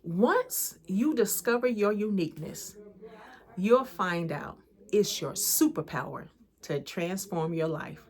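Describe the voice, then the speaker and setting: Casting: American woman host, mid pitch, earnest and encouraging inspirational vlog talk, conversational. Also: expressive, slow pace, a little mellow. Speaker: empowerment coach and channel host. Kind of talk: inspirational faith talk to camera.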